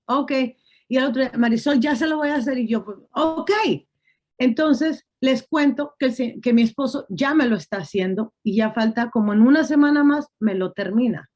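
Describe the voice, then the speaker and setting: A woman gives a testimony sermon in a high voice. She tells her story by acting out what each person said and repeats key phrases for emphasis. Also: a little fast, darkish tone. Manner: storytelling, acting out quotes, repetitive. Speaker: preacher.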